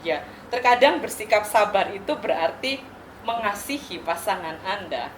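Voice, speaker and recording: A woman's voice: medium pitch, lively intonation, moderate pace, a little hiss or hum. A woman pastor delivering a wedding sermon, explaining her points with rhetorical questions and light playful asides. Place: church or wedding venue. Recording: echoey venue with faint ambience.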